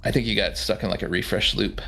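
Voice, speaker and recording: A man running a tabletop game as game master, explaining rules in a relaxed way with many fillers. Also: lowish voice, fast talker, gravelly, husky.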